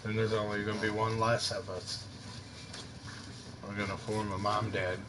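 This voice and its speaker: A man's voice: lowish voice, flat delivery, normal speed, heavy background noise. A man streaming a game at home, chatting and teasing his family in a joking way. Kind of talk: casual family chat on a live stream.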